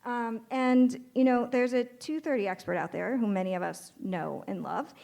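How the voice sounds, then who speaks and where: On a conference stage before an audience, a woman speaks as a panelist at a live podcast taping, pressing her point emphatically with rhetorical questions and frequent fillers. Her voice is fairly high, gravelly and a little mellow, at a normal speed.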